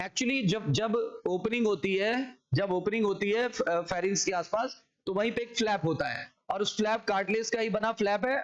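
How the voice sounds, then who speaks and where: A male Indian biology teacher with a high voice explains step by step, firing questions at his class and answering them himself. The recording sounds a little dull and lo-fi. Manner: energetic, asks and answers his own questions. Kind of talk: classroom lecture.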